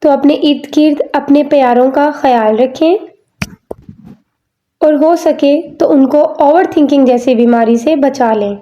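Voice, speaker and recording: Woman, high-pitched, earnest, measured, scripted explainer, list-like delivery. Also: mellow, dull audio. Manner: measured, earnest, builds points in repeated lists. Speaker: channel host explaining psychology.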